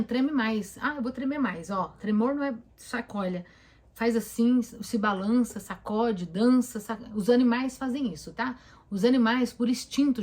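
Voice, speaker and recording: A therapist with a Brazilian Portuguese accent gives casual advice on a live stream, speaking emphatically and repeating points as she coaches listeners directly. Her voice is fairly high-pitched with a darkish tone.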